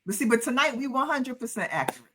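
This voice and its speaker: Brief: woman co-host with a New York accent, playful and repetitive, crisp sharp tone. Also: a little high, big pitch swings, fast talker. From Harlem, New York. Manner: playful, repeats phrases for effect. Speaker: podcast co-host. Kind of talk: casual podcast banter.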